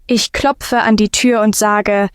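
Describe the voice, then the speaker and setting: A woman narrating a scripted first-person story for language learners in calm, simple short sentences. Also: mid-range voice, slow, clean tone, no room sound, studio quality.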